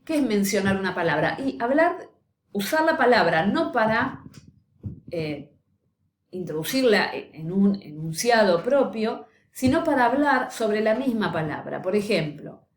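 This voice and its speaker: A woman giving a recorded lecture, explaining step by step and often checking in with a questioning "¿sí?". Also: mid-range voice. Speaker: teacher. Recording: echoey room, faint noise.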